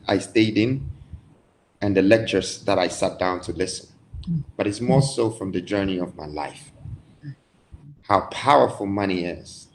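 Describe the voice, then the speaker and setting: A man from Ghana, a guest in a live online interview, speaking in grand, declamatory phrases with dramatic pauses. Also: lowish voice, a little hiss or hum, poor audio.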